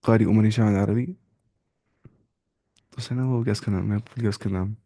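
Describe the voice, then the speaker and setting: Gravelly-voiced man teaching Quran reading. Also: fairly low pitch, steady tone, dark tone. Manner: slow drawn-out letter-by-letter drilling. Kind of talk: live online tajweed lesson.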